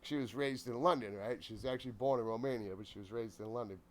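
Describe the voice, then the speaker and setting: A middle-aged man casually telling a wild childhood story, swearing constantly and shouting out the lines of the people in it. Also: mid-range voice, quick pace. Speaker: podcast guest.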